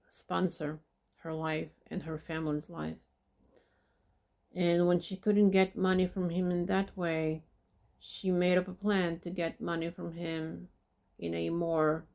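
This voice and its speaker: A woman hosts a podcast, talking slowly through a documentary in a casual, hesitant way. Her voice is lowish and gravelly with vocal fry. She drops in the odd dry, sarcastic aside. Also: darkish tone. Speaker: podcast host.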